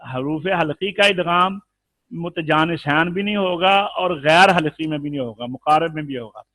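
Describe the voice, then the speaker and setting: A man teaching Quran recitation rules in a live lesson with an Urdu accent, explaining patiently and then chanting the examples slowly. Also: fairly high pitch, pushed and bright, dry recording.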